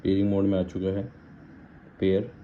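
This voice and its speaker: A gear-review vlogger from India talks in a low monotone at a moderate pace during an informal unboxing and installation walkthrough. Hindi and English phrases mix in his speech, and the muffled, lo-fi recording picks up faint background noise.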